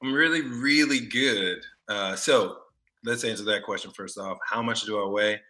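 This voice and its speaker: A man's voice: on the low side, normal speed, pushed and bright, faint music behind. A man in his forties from Texas, a former football player, guesting on a podcast in an easygoing, laughing way. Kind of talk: casual interview chat.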